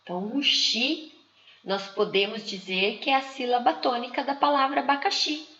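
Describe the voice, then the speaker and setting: A woman giving a slide lecture to teachers, speaking in a slow, didactic way and drawing out example words. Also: a little high, pushed and bright. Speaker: teacher trainer. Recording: muffled, echoey room.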